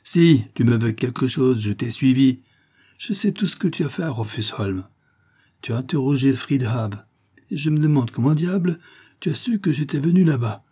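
A hulking, brutal fisherman growling threats in a raised, forceful voice, as an audiobook narrator puts him on. His tone is gruff and sneering. It carries a husky grain over a dark timbre. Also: mid-range voice, animated, normal speed, pitched above the performer's own voice. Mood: threatening. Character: brutal giant male fisherman, menacing. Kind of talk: audiobook reading.

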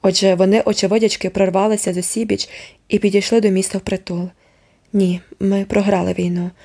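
A woman's voice: medium pitch, flat delivery, a little fast, mellow, close to an everyday voice. A woman reading the part of a fatalistic schoolteacher in a storybook, grave and sombre. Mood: gloomy.

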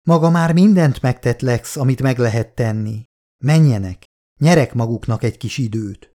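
A man's voice: medium pitch, lightly acted. A man voicing an ailing elderly male billionaire in an audiobook, speaking weakly between gasping breaths. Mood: resolute. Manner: weak, gasping, hushed.

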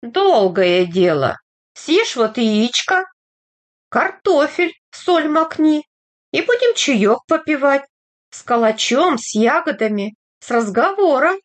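A woman voicing a practical, playfully scolding young village woman in a read-aloud story, slow and measured. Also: high-pitched, very animated, voice pushed up, full character voice. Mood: teasing, brisk.

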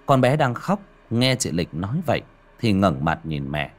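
A man's voice: sits low, very animated, normal speed. A man narrating a spooky story as an audiobook, dramatic and building suspense.

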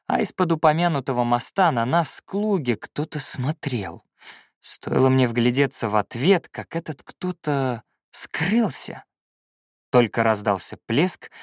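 A man narrating a first-person fantasy audiobook in an expressive storytelling manner. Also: medium pitch, dry recording, studio quality.

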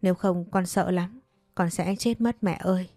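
A woman playing a frightened young girl from a storybook, timid and pleading. The voice stays low and mellow, recorded dry with faint music under it. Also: fairly even intonation, moderate pace, no room sound, close to an everyday voice.

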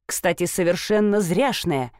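A scornful, sharp-tongued older mother, as a woman reader puts her on, brushing things off with biting sarcasm. The reading is dry and close-miked, with no room sound. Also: lowish voice, a little slow, dry recording, lightly acted. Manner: caustic, dismissive, scornful.

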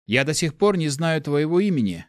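A man voices an earnest young adventurer in a high, sing-song voice pushed upward, speaking at normal speed. The recording is dry and has a clean studio sound.

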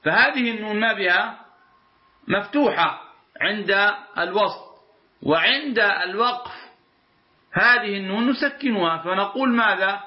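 Man, high voice, recitation teacher, asks and answers his own questions, roomy lo-fi recording. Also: unhurried, pauses often. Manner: asks the class "what?" and answers himself; drawls out the words he demonstrates. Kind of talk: explaining a recitation rule line by line. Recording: roomy, dull lo-fi sound.

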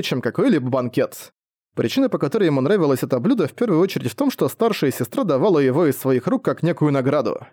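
A man narrating an audiobook in a steady storytelling manner. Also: on the high side, dry recording, studio quality.

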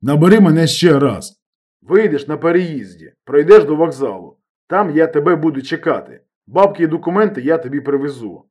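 A man's voice: a little high, lively intonation, moderate pace, a little mellow, pitched above the performer's own voice. A man voicing an agitated, injured man who talks bluntly and urgently on the phone, in an audiobook reading. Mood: brisk.

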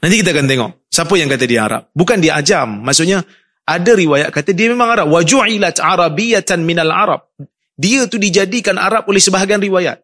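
A man co-presenting in a scholarly discussion, measured and firm as he repeats points for emphasis. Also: high-pitched, expressive, fairly bright tone. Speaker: co-presenter at an academic review.

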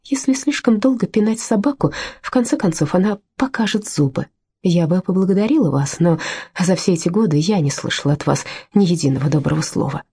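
A woman reading the lines of a calm, defiant young servant girl in an audiobook, speaking steadily and cuttingly. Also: lowish voice, fairly quick, breathy edge, exaggerated voice. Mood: scornful.

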